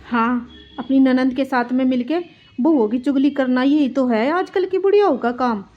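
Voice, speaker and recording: A woman's voice: high voice, moderate pace, natural voice. A woman voicing a rude young daughter-in-law who taunts her mother-in-law. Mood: scolding. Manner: taunting, scolding. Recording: dull lo-fi with faint music.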